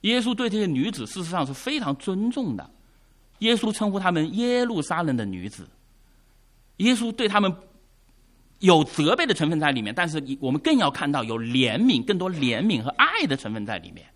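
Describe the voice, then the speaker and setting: A man preaching a sermon, who asks the congregation questions and answers them himself, rising to emphatic lines and dropping to quiet asides. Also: a little high, sing-song, brisk. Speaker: pastor.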